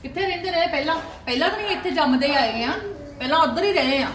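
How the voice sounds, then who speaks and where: A high, quick scolding mother, played by a woman in a family web drama. She talks fast and insistently, pressing her son hard, and the voice rings in an echoey room. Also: expressive, far from the mic, noisy background. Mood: arguing.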